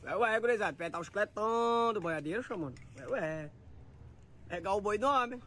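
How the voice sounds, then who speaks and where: A man's voice: sits high, animated, quick pace, bright, forceful tone, slight background noise. Brazilian man hollering to a cattle crew. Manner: calling out and urging others on.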